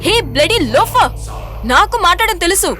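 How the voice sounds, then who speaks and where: A woman's voice: extremely high pitch, lively intonation, brisk, pushed and bright, heavily acted. An actress playing a proud, ruthless woman who threatens and switches into English in a film drama. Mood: angry. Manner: haughty, threatening, mixes English in. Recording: film scene with music score.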